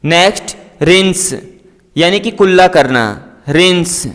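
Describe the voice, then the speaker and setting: A man's voice: high voice, slow pace, fairly bright tone, in a large hall. A man teaching English vocabulary, saying each word and its meaning twice in a patient, explanatory drill. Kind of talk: slow vocabulary drill lesson.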